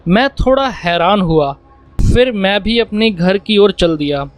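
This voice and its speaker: A man's voice: sits high, lively intonation, measured pace. A man narrating a first-person horror story in a plain storytelling manner, speaking the dialogue in his own voice. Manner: plain storytelling, voicing dialogue without changing voice. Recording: dry close mic with faint music behind. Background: faint background music.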